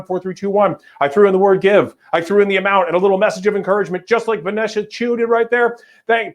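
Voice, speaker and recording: A man leading a live fundraising appeal, energetically calling out donations and cheering on the crowd. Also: high voice. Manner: energetic, upbeat, rapid-fire calling out of gifts. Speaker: fundraising auctioneer.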